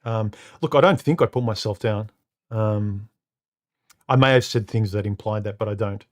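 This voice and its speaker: A man with a deep, slightly muffled voice hosts a live stream from home and reads out comments on a studio microphone. He talks casually but haltingly, repeating a word before he finds his sentence and using many "uh" and "um" fillers.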